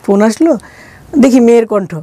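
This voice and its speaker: On a dry recording, a middle-aged interview guest with a Bangladeshi accent relates a personal story in casual, colloquial speech, performing the quoted lines. She sounds a little high and mellow and speaks a little fast.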